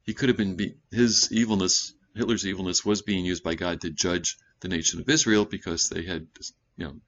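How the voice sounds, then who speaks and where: Male pastor, lowish voice, animated preaching with loud bursts and conversational asides, dull lo-fi recording. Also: fairly quick. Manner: conversational asides and self-corrections. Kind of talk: sermon.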